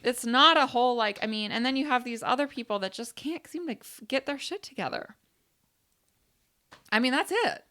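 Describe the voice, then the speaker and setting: A woman's voice: fairly high pitch, moderate pace. A woman co-hosting a podcast, talking frankly and casually with plenty of filler words. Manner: frank, animated, lots of "like" fillers. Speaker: podcast co-host.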